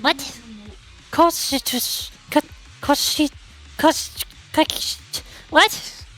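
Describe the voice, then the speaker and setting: High-pitched woman streaming a game. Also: measured pace, bright, forceful tone, soft background music. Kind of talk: live game commentary and read-aloud narration.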